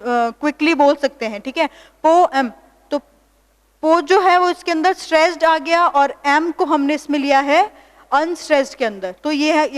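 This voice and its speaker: A woman with an Indian accent giving a college lecture on literary terms, reading English definitions slowly and then explaining them in Hindi, often checking in with "theek hai". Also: sits high, in a large hall.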